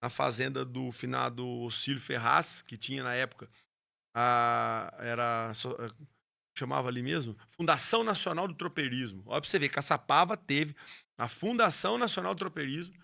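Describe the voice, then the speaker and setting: A man's voice: medium pitch, moderate pace, vocal fry, bright, forceful tone. A man, a rodeo announcer and horse trainer telling his story with passion in an interview, often restarting his words. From Brazil. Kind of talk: interview conversation.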